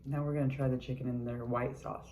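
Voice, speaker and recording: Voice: mid-range voice, flat delivery, fast talker, warm tone, a little hiss or hum, rough recording. A mukbang vlogger in a casual eating video, chatting between bites with lots of chewing murmurs and candid, sweary remarks.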